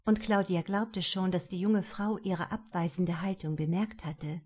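Husky woman reading a novel. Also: lowish voice, a little slow. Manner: expressive, lively reading. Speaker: audiobook narrator. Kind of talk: scripted narration of a novel.

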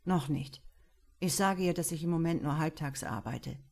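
A woman's voice: deep voice, normal speed, a little mellow. A woman reading a terse, dry-spoken father. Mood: laconic. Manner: dry, clipped, terse remarks. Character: laconic adult man, a tired father.

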